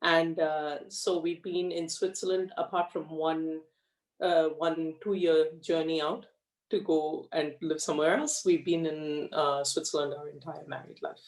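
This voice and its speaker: A woman's voice: deep voice, level tone. Woman, roomy distant sound. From India, raised in Australia. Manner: frank, measured, many fillers. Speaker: guest. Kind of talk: conversational interview. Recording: echoey room, far from the mic.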